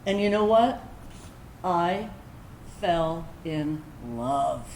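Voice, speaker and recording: Actress as candid woman veteran, animated, echoey room. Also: on the low side, exaggerated voice. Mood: fond, candid. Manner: confessional, conversational storytelling, wry, with deliberate pauses. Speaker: actor in a staged reading. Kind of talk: dramatic first-person monologue in a staged reading. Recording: roomy echoing stage recording, background noise.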